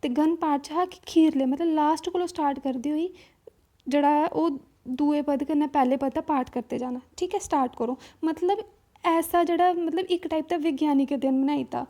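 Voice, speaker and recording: A woman's voice: sits high, fairly even intonation, moderate pace, warm tone. A woman with a Dogri accent giving an exam-prep lecture, explaining step by step with frequent checks and restarts. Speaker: teacher.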